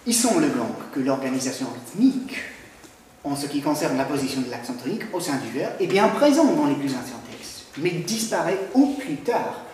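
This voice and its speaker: A man giving an academic talk on language history, hesitant with frequent pauses and fillers. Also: mid-range voice, darkish tone, heavy reverb, recorded from a distance, slight background noise, low-quality recording. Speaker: lecturer.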